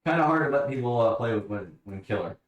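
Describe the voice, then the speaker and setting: Speaking quickly and expressively in a mid-range voice, a man livestreams from his home bathroom, which has a bathtub, casually answering his chat's questions. The mic sits away from him, and the room echoes.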